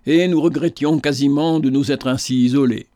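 A man reading a literary novel aloud in the first person, in a measured, unhurried manner. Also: medium pitch, fairly even intonation, mellow, dry recording, studio quality. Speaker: narrator.

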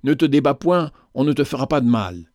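A man voicing a calm, protective older estate master and father in a storybook reading. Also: mid-range voice, dry recording, clean studio sound, lightly acted. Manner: calm, measured.

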